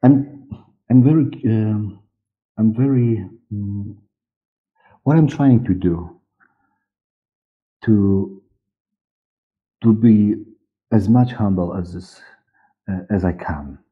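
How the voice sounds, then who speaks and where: A Polish man in his forties with a Polish accent, an audio drama director and producer, gives unscripted answers as an interview guest, halting as he searches for words and repeats himself. His voice is lowish and slightly rough. He's in a dark room on a video call, with muffled, phone-like audio.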